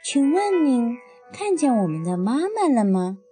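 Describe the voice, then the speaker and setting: A woman's voice: big pitch swings, a little slow, dark tone, faint music behind. A woman doing eager little tadpoles calling out. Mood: curious. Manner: high, pleading calls. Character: chorus of little tadpoles, eager young children.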